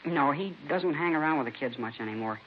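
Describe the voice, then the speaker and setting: This is a muffled vintage radio recording with faint noise, where a male actor voices a slangy seventeen-year-old who cooperates while being questioned. The style is casual 1950s radio drama and the mood is candid and relaxed, his natural, somewhat high voice moving briskly with lively intonation.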